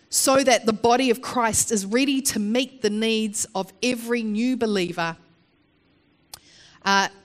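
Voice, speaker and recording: Out in the open air, a woman preaches a sermon in a medium-pitched voice, sniffly with hay fever. She is earnest and explanatory, pausing often and restarting her sentences.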